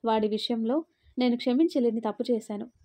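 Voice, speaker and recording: A woman's voice: fairly high pitch, brisk, warm tone, close to an everyday voice. A woman voicing a weary, remorseful pregnant young wife in a spoken story. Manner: weary, tearful.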